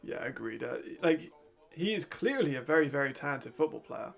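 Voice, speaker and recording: A man's voice: medium pitch, expressive, normal speed, gravelly. A man giving casual, chatty live commentary while watching a football game, laughing often and trailing off mid-thought.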